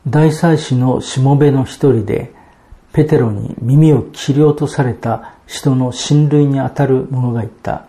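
Mellow-voiced male preacher. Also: medium pitch, fairly even intonation. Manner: measured expository preaching, reading out Bible verses. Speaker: pastor. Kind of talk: sermon.

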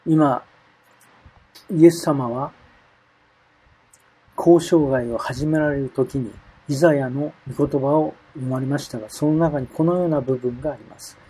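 Man, sermon, husky voice, mellow tone, measured reading of scripture. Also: on the high side, fairly even intonation, poor audio. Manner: measured, reads verses aloud with emphasis. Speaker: preacher.

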